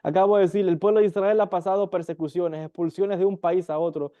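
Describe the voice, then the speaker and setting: High-voiced man teaching Kabbalah. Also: steady tone, quick pace, warm tone, smooth, dry recording, dull audio. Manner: mimics whiny complainers in a higher voice; rhetorical questions, repeated phrases. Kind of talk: spoken religious teaching.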